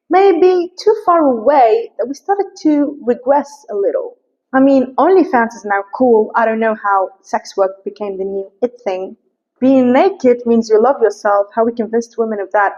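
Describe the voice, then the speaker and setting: A woman's voice: fairly high pitch, darkish tone. Sassy, chatty young woman vlogger. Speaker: book vlogger. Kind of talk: casual ranting book vlog. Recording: muffled lo-fi recording.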